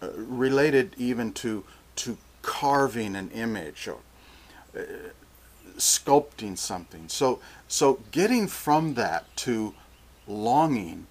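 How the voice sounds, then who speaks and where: An older man preaching a sermon, slow and deliberate, often restarting his phrases. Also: medium pitch, animated.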